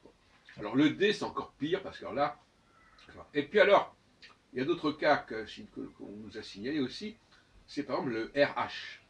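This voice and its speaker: A man giving an unscripted spoken lecture, hesitant, often restarting phrases and slowly spelling letters out. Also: medium pitch, animated, fairly bright tone, far from the mic. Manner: hesitant, restarts phrases, frequent "euh" and "hein". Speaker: speaker of his own channel.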